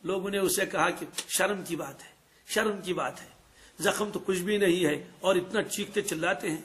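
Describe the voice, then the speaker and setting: High-voiced man teaching a hadith lesson. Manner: animated storyteller, asks the audience questions and answers them; acts out quoted dialogue in changed voices. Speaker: Islamic scholar teaching hadith.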